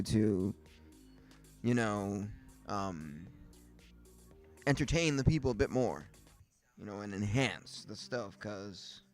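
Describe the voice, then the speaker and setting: A man hosting a casual livestream chat, rambling with lots of fillers and restarts, faint music behind him. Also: on the low side. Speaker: livestream host.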